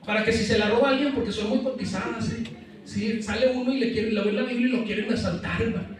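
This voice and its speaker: A man preaches from a pulpit in a very high voice that rings through a cavernous, echoing church. He picks up the sound from a distance and keeps throwing questions out to the congregation. Now and then he slips in playful asides between points. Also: steady tone, quick pace, crowd noise. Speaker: pastor. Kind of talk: sermon. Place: church sanctuary. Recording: very echoey church hall, mic at a distance.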